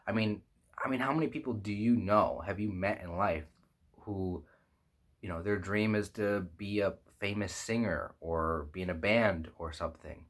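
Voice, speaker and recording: A man's voice: fairly low pitch, moderate pace. A man of twenty-five talking candidly to his phone camera in a small foam-lined room, reflective and rambling with plenty of fillers and restarts. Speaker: vlogger. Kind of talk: candid personal vlog. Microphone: phone camera at close range.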